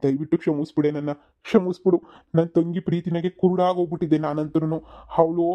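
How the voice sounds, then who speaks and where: A man's voice: a little high, little pitch movement, brisk, lo-fi sound, natural voice. A man doing a raging village father. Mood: remorseful. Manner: shouting threats, then pleading. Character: enraged middle-aged village father. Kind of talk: cartoon comedy dub.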